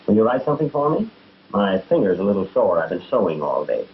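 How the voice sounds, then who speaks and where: An actor playing a glib, flirtatious traveling medicine-show pitchman with grandiose patter in a 1930 talkie. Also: very animated, fast. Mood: flirtatious, smooth. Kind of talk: 1930 early talkie film acting. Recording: noisy, dull 1930 film soundtrack.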